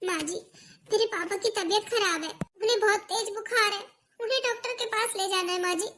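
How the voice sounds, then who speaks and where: Woman doing a high-pitched pleading cartoon daughter-in-law. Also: brisk, bright, forceful tone, slight background noise. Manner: pleading, earnest. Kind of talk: cartoon voice acting.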